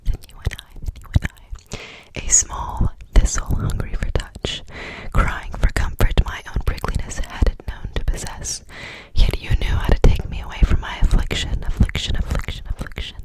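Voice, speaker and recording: A woman whispering close to the mic in an ASMR poetry reading, softly repeating words as triggers. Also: moderate pace, poor audio. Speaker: ASMR creator.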